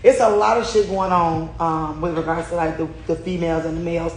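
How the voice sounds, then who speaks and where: A man's voice: a little high, fairly even intonation, fairly quick. A man in his forties hosting a casual chat over drinks, loose, joking and profane. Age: 40s. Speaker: host. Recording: echoey room with background noise.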